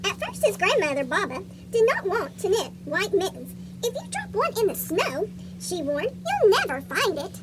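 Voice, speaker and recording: Squeaky cartoon chipmunk reading a storybook to kids, super high and bouncy pitch, really noisy audio. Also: huge pitch swings, moderate pace, heavily acted. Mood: chirpy storytelling. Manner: asks young listeners questions. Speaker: story reader for children. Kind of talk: read-aloud picture book storytelling.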